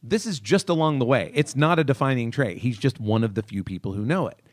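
Animated man explaining with a lively voice. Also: mid-range voice, a little fast, no room sound, studio quality. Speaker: podcast co-host. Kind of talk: casual chat.

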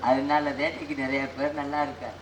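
A man's voice: fairly high pitch, flat delivery, fast, a crowd in the background, close to an everyday voice. A man playing a bawdy comic village woman in a live folk stage comedy, bantering cheekily. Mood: teasing. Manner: cheeky banter, mock-crooning of song lines. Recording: echoey live stage mic.

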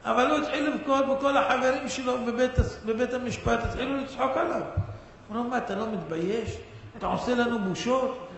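A rabbi delivering a fervent sermon with a parable, dropping to a hush and rising to shouts. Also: male voice, very high-pitched. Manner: fervent, swings between hushed and shouting, acts out the judge. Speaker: rabbi preaching. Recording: echoey hall with long reverb, faint noise.

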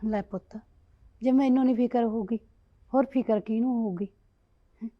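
A woman plays a protective mother in a family drama, scolding her daughter loudly and then pleading with her in a fretful tone. Her voice sits fairly high for a woman. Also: steady tone, moderate pace, muffled recording, close to an everyday voice. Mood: worried. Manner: loud scolding, lecturing. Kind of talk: village family drama acting.

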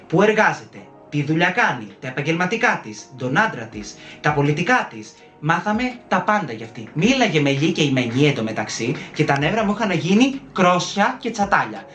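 Animated young man telling a story. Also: fairly high pitch. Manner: animated, dramatic retelling with acted-out quotes. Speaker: storytelling vlogger. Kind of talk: casual story time. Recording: roomy echoey room.

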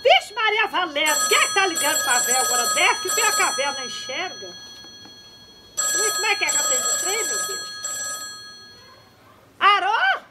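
A woman's voice: very high voice, big pitch swings, normal speed, long pauses, heavy background noise. A woman playing a flustered elderly countrywoman granny with rustic, fussy speech in a comedy sketch. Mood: flustered, indignant.

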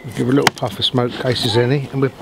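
In a wooded apiary, a middle-aged man demonstrates beekeeping while casually explaining what he's doing, his mid-range voice rapid-fire and nearly flat in pitch. Bees buzz and birds sing in the clear outdoor recording.

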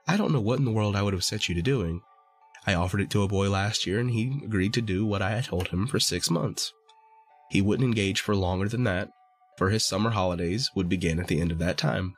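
A man voicing a sly little male dwarf who haggles and coaxes in a storybook reading. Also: on the low side. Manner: wheedling, coaxing haggler.

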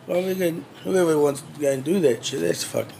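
A man's voice: on the high side, brisk, vocal fry, dark tone, a little hiss or hum, low-quality recording. A man chatting casually as a guest, laid-back and full of swearing and slang. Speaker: drummer, interview guest. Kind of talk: casual chat.

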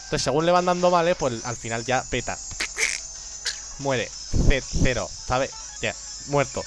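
A man giving casual, joking commentary on a game, excitable and prone to sudden shouts. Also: medium pitch, a little slow, very noisy. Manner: excitable, joking, bursts into shouts and silly voices. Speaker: gameplay commentator.

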